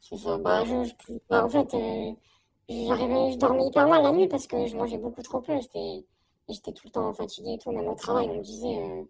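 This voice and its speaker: A woman's voice: extremely high pitch, expressive, brisk, creaky, darkish tone, rough recording. A young woman giving a casual, slangy testimonial in an informal conversation. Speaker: coaching client giving a testimonial.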